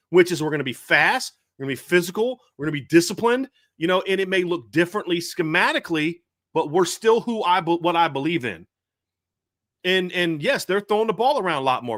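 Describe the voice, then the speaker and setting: A man hosting a live sports talk show, talking in an animated, rambling way with frequent restarts. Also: sits high, brisk, no room sound, clean studio sound. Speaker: podcast host.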